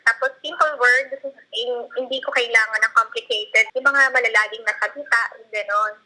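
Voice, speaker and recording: A woman in her thirties from the Philippines chats casually about her past tutoring work. Her voice is very bright and sits a little high, and she talks hesitantly, reaching for words with many fillers and short laughs. The sound comes through thin, like a phone line. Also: steady tone, moderate pace. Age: 30s. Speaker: guest, former tutor. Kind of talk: casual conversation.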